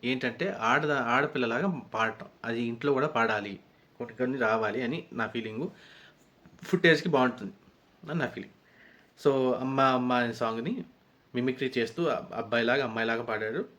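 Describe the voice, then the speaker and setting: Guy rambling thru a reality show recap, chatty, average pitch. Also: moderate pace, a bit bright, dull audio. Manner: rambling, conversational retelling with frequent restarts. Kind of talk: casual episode recap.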